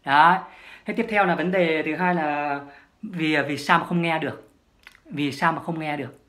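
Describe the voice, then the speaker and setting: A woman's voice: low voice, moderate pace, fairly bright tone. A woman, a language-learning vlogger giving a solo advice monologue, emphatic and repeating her key points.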